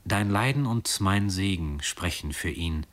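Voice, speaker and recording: A man reading a story aloud, voicing a grave, loving noble countess in a solemn, measured way. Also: deep voice, lively intonation.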